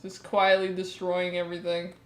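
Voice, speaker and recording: A woman's voice: lowish voice, completely flat delivery, normal speed. Nasal woman in a roomy space. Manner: casual, joking, laughs often. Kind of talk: casual chat on a livestream. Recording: roomy, faint background noise.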